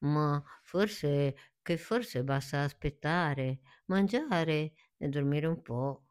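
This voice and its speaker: A woman voicing a calm, soft male caterpillar who talks in a slow, drowsy, hesitant way. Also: on the low side, smooth. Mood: sleepy.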